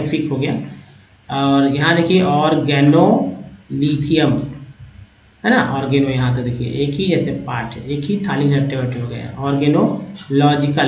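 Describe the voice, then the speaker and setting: A man's voice: a little high, echoey room, dull audio, slight background noise. A man teaching English vocabulary in Hindi, sounding out long words syllable by syllable and repeating them. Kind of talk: reading word list aloud, explaining word parts.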